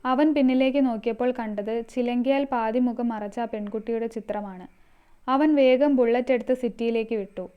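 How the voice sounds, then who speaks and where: A woman's voice: fairly high pitch, fairly even intonation, brisk, clear, resonant tone, phone-quality sound. A woman narrating a scripted story, reading all the characters herself. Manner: reads all characters herself, mostly in her own voice.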